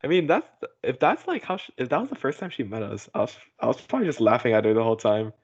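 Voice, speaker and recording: A young man hosts a casual, joking podcast over a voice call, teasing and slangy, often breaking into a big goofy guffaw. His medium-pitched voice is sing-song, quick, and a bit breathy, and the call audio sounds dull and muffled.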